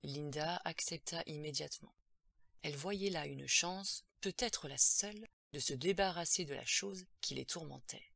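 A woman's voice: sits low, moderate pace, gravelly, a bit bright, no echo, clean studio sound. A woman narrating a horror audiobook in a tense, dramatic storytelling manner.

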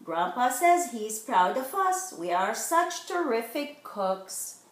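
A middle-aged woman reads a children's picture book aloud with animation in her living room at home, expressively lengthening the rhymes. She speaks slowly in a high voice with big pitch swings, and the recording has a roomy home sound.

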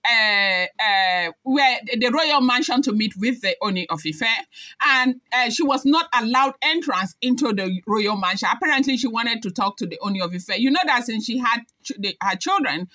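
A woman's voice: fairly high pitch, sharp tone. A young woman sharing celebrity gossip to camera in a chatty way, often repeating that the news is only rumored. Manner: chatty, hedging with repeated disclaimers. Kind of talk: casual gossip commentary to camera.

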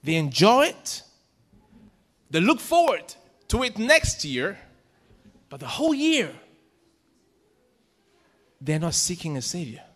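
With long pauses and a slow pace, a middle-aged pastor preaches into a pulpit microphone in a church with long hall reverb. His high, slightly bright voice swings widely in pitch as he questions the congregation and peaks emphatically.

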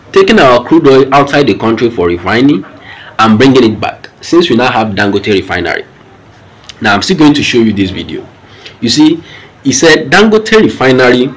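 A man's voice: mid-range voice, breathy edge, low-quality recording. A man with a Nigerian accent giving news commentary in an explanatory way.

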